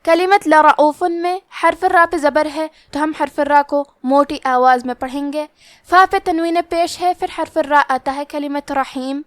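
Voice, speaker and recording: High-voiced woman teaching Quran recitation. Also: no room sound. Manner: explains rules plainly, then recites words slowly and drawn out. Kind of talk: tajweed lesson with slow recitation.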